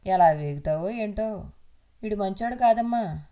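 A woman voicing an elderly grandfather who gives soft, resigned advice in an audio novel. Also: medium pitch, unhurried, natural voice. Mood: consoling.

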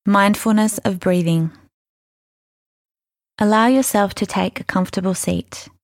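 A woman leading a guided mindfulness meditation, speaking softly and soothingly, unhurried and gentle, with breathy phrase endings. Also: mid-range voice, steady tone, no room sound, studio quality. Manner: soothing, unhurried, gentle instruction with long pauses.

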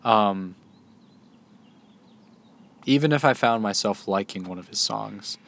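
A young man in his twenties talking casually to the camera, loose and halting, with many restarts and fillers. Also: fairly low pitch, creaky, fairly bright tone. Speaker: solo vlogger. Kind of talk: casual rambling monologue.

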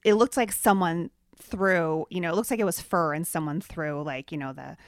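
A woman's voice: on the low side, moderate pace, dry recording, clean studio sound. A middle-aged woman co-hosting a casual chat, telling stories in a chatty way and laughing often. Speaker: podcast co-host.

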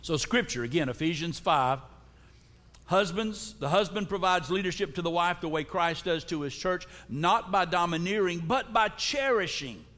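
In a high, sharp voice with lively intonation at normal speed, the pastor jokes through his sermon and calls out to the congregation. The church sanctuary adds a long, echoing reverb.

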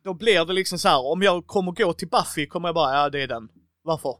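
A man's voice: high voice, no room sound, studio quality. A man in a casual chat, talking enthusiastically and acting out little quotes as he goes. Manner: enthusiastic, animated, quotes himself and others in little acted bits. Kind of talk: casual chat about TV series.

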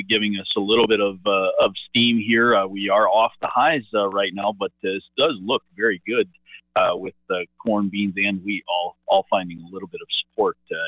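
A man calls in over a thin, phone-quality line to give his market analysis. His voice sits fairly low and the sound is dry and boxed in. He talks haltingly, padding his points with filler sounds and restarting his phrases. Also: no room sound. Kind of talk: radio market commentary.

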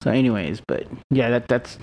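A man's voice: mid-range voice, expressive, normal speed, darkish tone, slight background noise. A man in casual podcast chat, joking and acting out the people he quotes.

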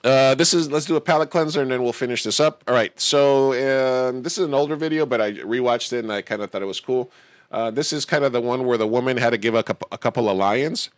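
A man's voice: mid-range voice, fast, no echo. A man hosting a podcast, chatting casually and rambling, acting out quotes in silly voices. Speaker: podcast host. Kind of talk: casual chat.

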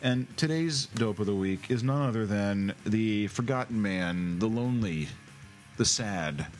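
A man hosts a comedic podcast rant, sarcastic and theatrical, putting on mock emotion. His voice sits on the lower side. Faint music plays underneath. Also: animated, a little slow. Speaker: podcast host.

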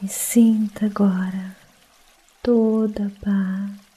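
A woman guiding a sleep meditation in a soft, breathy, partly whispered voice, hushed and calming as if late at night. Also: mid-range voice, very slow. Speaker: meditation guide.

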